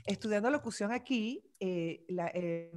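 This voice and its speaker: A woman in lively casual chat, eager to add her own examples. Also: mid-range voice. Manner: lively, quick to jump in.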